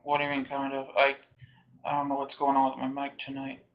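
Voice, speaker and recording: A man chatting quickly over a faulty mic. His voice comes through dull and muffled, with a hollow, tunnel-like echo. There is a gravelly edge to it as he fusses over his setup. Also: medium pitch, completely flat delivery. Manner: puzzled, fiddling with his mic. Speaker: gamer in voice chat. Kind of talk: casual chat.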